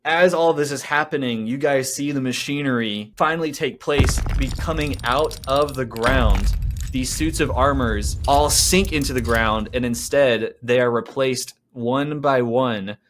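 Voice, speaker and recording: A man running a tabletop game as game master, narrating the action and explaining the rules in a steady, descriptive way. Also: medium pitch, measured pace, noisy background.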